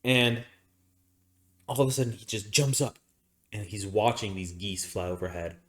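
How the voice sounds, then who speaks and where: A man co-hosting a podcast, telling family stories in a casual, animated way, laughing often and acting out what people said. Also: fairly low pitch, normal speed. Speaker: podcast co-host. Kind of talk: casual storytelling.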